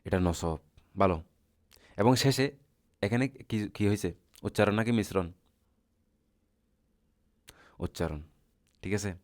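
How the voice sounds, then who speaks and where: A man's voice: lowish voice, takes it slowly, long pauses. A man, teaching Arabic grammar. He keeps asking his students questions, then answers them himself, and goes over each point again patiently. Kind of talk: classroom lecture.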